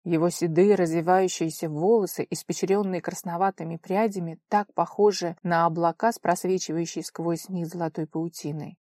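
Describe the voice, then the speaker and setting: A woman narrating a fantasy audiobook in a measured, expressive voice pitched a little low. The recording is dry and close. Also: dry recording.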